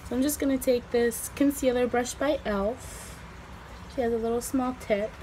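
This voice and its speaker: A woman giving a casual, chatty makeup tutorial, her voice slightly hoarse as it recovers from being lost. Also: a little high, steady tone, normal speed, mellow, slight background noise, rough recording. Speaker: beauty vlogger.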